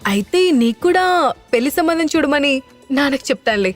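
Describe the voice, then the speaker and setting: A woman's voice: sits high, sing-song, moderate pace, faint music behind. A woman voicing a teasing, mocking younger sister in an audio drama.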